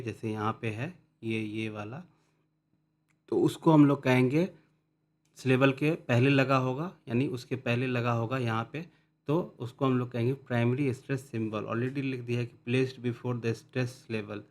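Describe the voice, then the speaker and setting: A man explaining English word stress in a lesson, mixing in English terms and reading definitions slowly and carefully. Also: mid-range voice. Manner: mixes Hindi with English terms. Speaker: teacher.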